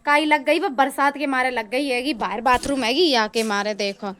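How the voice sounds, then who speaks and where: Bright-voiced village woman vlogger. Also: high-pitched, normal speed, a little hiss or hum. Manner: chatty, addresses viewers as friends; loud and lively, breaking into laughter. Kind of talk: casual home vlog. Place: home, indoors and outdoors. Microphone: phone camera.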